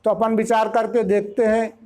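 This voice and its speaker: A spiritual teacher giving a discourse, explaining slowly and drawing out single syllables with care. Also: medium pitch, little pitch movement, darkish tone.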